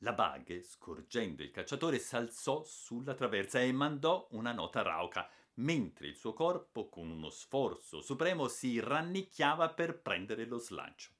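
Expressive male audiobook narrator, lively pitch. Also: unhurried, hardly any pauses. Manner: expressive, dramatic. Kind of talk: dramatic audiobook reading.

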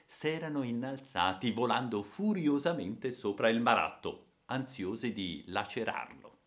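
A male narrator with a lowish voice and a bright, forceful edge reads an adventure novel aloud. His storytelling is expressive and steady, carrying tension through long descriptive passages. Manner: expressive storytelling, reads the captive's lines with alarm. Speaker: audiobook narrator. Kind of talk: scripted narration.

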